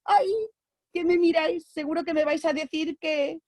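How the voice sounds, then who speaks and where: A woman with a Spanish accent from Spain voicing a weary young stone mermaid who longs to reach the sea, in a high, plaintive, wailing voice. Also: level tone, normal speed, darkish tone, natural voice.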